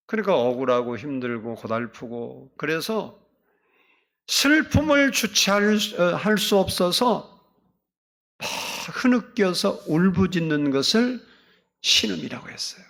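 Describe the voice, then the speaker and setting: Emphatic male pastor preaching. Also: on the high side. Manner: emphatic, swinging between loud exclamations and soft asides. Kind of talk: sermon.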